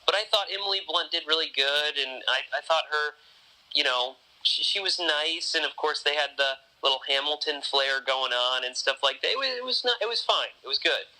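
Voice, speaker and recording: A man hosting a podcast in casual chat, thinking out loud and rambling through many restarts. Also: on the high side, fairly quick, low-quality recording. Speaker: podcast host.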